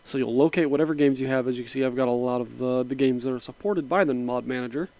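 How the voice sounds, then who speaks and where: A mid-pitched man narrates a casual screen-recording tutorial for a mod, walking through a computer setup in a relaxed, unhurried, rambling way. A sinus infection leaves his voice slightly raspy, and he wanders between steps with frequent fillers and little asides. The audio is dull.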